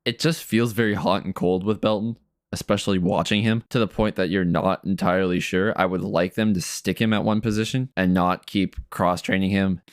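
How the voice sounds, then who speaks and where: Chill guy breaking down football, real deep voice, dry close mic. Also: fairly even intonation, a little fast, smooth, dry recording. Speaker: podcast co-host. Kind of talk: casual sports chat.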